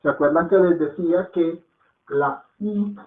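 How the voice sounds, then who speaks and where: A man's voice: a little high, a little slow. A man teaching a language lesson, patiently repeating words to drill their pronunciation and checking in with his students. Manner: checks in with soft "¿mm?" and "¿ok?". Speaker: Hindi teacher. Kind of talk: slow spoken lesson. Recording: echoey, phone-like lo-fi sound.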